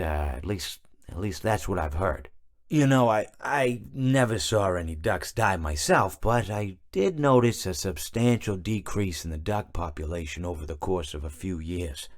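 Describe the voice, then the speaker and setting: A man voicing a rambling, absent-minded, cheerfully morbid animatronic in a video game, halting and correcting himself as he meanders. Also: low voice, animated. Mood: whimsical rambling. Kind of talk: theatrical video game character monologue.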